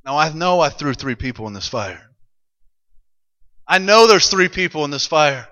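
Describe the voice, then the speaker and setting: Man doing a stunned angry king, high bright voice, shouting, echoing hall. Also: lively intonation, normal speed, highs cut off. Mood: puzzled. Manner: shouting in disbelief. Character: angry, astonished ancient king, grown man. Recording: long hall reverb.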